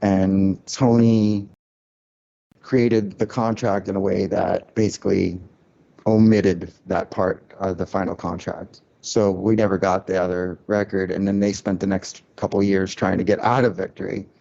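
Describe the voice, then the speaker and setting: A record label founder with a low, gravelly, mellow voice guests on a casual podcast, reflecting candidly on his label years at a measured pace and level tone. He circles back often, restarting and saying "like" a lot, and the audio is muffled. He comes from a Cuban family and grew up in a loud-talking city.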